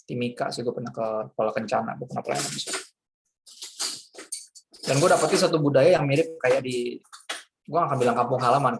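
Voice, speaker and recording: A man from Jakarta with a Jakarta accent, a pastor giving a casual youth sermon in lively slangy street talk. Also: mid-range voice, creaky, background noise. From Jakarta, Indonesia.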